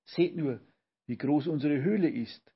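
A man voicing a grubby, excitable male creature father who exclaims loudly, on a dull lo-fi recording. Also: mid-range voice, measured pace, vocal fry, slightly rough, voice pushed up, heavily acted. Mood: alarmed, excited. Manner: loud startled exclaiming.

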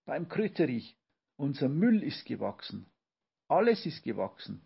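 A man voicing a grubby, excitable male creature father who exclaims loudly, on a dull lo-fi recording. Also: fairly high pitch, unhurried, vocal fry, slightly rough, voice pushed up, exaggerated voice. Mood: alarmed, excited. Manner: loud startled exclaiming.

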